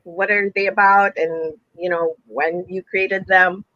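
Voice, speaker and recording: A man's voice: high voice, little pitch movement, measured pace, bright, forceful tone, no echo, lo-fi sound. A man in his late forties hosting an interview, chatty and upbeat. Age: late 40s. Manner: chatty, upbeat, laughs often. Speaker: host. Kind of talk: interview talk show.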